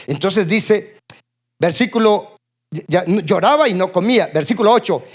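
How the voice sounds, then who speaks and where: A man preaching a sermon to a congregation. He keeps asking the room questions and calling for responses, swinging between loud bursts and low asides. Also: expressive, a little slow. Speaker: pastor. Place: church.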